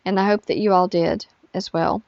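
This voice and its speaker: A middle-aged woman vlogger chatting casually to her viewers, tired and rambling slowly with lots of fillers. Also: on the low side, steady tone, creaky, a little mellow, dry recording. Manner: slow, drowsy rambling with frequent fillers. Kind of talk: casual chat to camera. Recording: dull, lo-fi sound.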